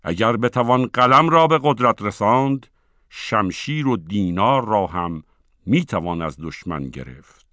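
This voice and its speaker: A man voicing a wise, calm and shrewd old male scholar in a storybook reading, in a measured, earnest way. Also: on the low side, dry recording. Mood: thoughtful.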